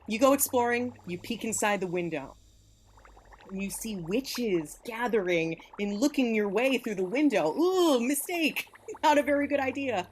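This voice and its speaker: A woman's voice: mid-range voice, slight background noise. A woman acting teacher leading a class through a spooky imagined walk in second person, playful and encouraging. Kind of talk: guided imagination exercise.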